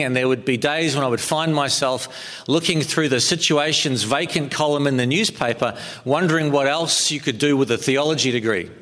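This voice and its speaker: Speaking with a New Zealand accent, this pastor's voice sits fairly high and has a fairly bright tone. His sermon comes out haltingly and conversationally, full of ums and fresh starts, and it echoes with the long reverb of a hall.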